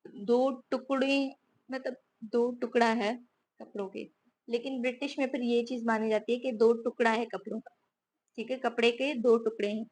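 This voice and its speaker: A woman's voice: on the high side, steady tone, moderate pace, darkish tone. A woman from Pakistan, casually lecturing on English grammar and often checking in with rhetorical questions. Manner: explains with repeated "theek hai" and rhetorical questions. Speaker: teacher explaining English grammar.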